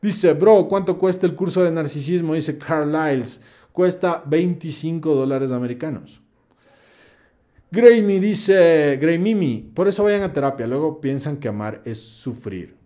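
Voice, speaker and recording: A man's voice: a little high, expressive, unhurried, dark tone. A young man hosts a live stream. He reads viewers' questions aloud and answers them in a blunt, preachy, slangy way. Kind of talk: live Q&A, reading chat comments aloud.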